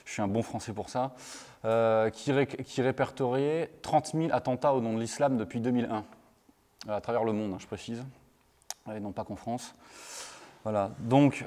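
A man's voice: mid-range voice, a little mellow. A man giving a conference talk, hesitant, with many fillers and restarts. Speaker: lecturer. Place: conference hall. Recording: long hall reverb.

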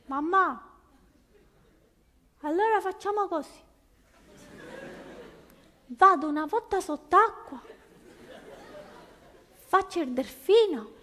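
A woman's voice: a bit bright, slight background noise, full character voice. A woman voicing a small child who bargains and pleads with their mother to keep swimming. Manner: high, wheedling, bargaining. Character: whiny pleading little child at the beach.

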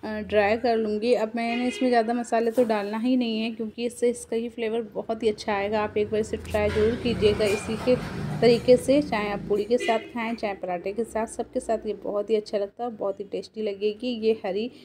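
A woman hosting a cooking channel, calmly explaining each step of a home recipe to viewers as she cooks. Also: a little high, brisk, slight background noise. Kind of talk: casual cooking voice-over. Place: home kitchen.

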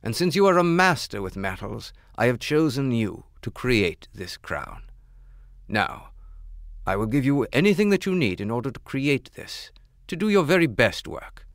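Guy voicing a big friendly king, bit gravelly, dry. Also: mid-range voice, sing-song, moderate pace, dry recording. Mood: regal. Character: kindly, generous ancient king.

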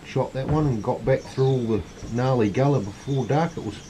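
A man's voice: mid-range voice, brisk, warm tone. A man, chatting casually in a small hut. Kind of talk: casual chat. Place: small hunting hut, indoors. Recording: slightly noisy camera audio.

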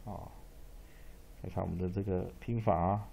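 A man teaching English spelling and pronunciation, spelling words out letter by letter and repeating each one slowly. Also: sits low, fairly even intonation, gravelly, warm tone, a little hiss or hum. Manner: slow, drawn-out repetition of words and letters.

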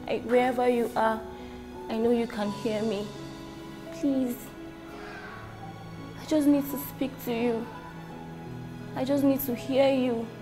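A young woman plays a worn-out, grieving daughter pleading softly for her father. Her voice is fairly high, and clear music plays behind her. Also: natural voice. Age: 20s. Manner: soft, pleading, weary. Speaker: actor performing an audition monologue.

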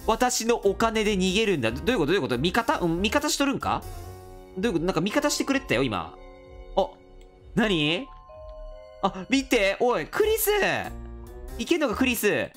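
A woman commentating a game, reading its text aloud and rallying the other players in a playful tone. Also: lowish voice. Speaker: gaming channel host.

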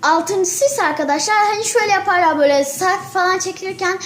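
A woman's voice: very high voice, fast talker, roomy sound, a little hiss or hum. A woman vlogger talking casually to her camera, acting out her examples dramatically and repeating phrases for effect. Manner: animated, acts out examples dramatically.

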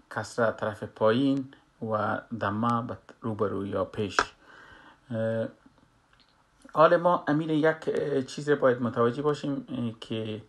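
A man giving a slow spoken lesson on Quran recitation, pausing often and filling gaps with drawn-out hesitation sounds. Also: medium pitch, a bit bright. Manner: hesitant, many drawn-out fillers and pauses.

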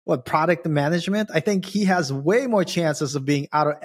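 A man's voice: fairly high pitch, normal speed, husky. A man co-hosting a tech podcast, sarcastic and rambling with lots of fillers. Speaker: podcast co-host, programmer. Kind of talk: casual tech chat.

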